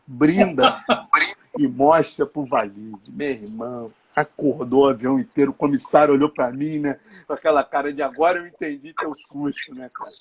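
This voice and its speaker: A man telling a lively anecdote as the guest journalist in a live chat, acting out the shouted quotes. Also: mid-range voice, normal speed, husky. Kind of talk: animated storytelling in a live chat.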